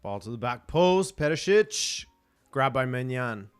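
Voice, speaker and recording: A man's voice: medium pitch, sing-song, unhurried, clear, resonant tone, soft background music. A man hosting a live football watch-along stream, chatting casually, chuckling and reading viewer comments aloud.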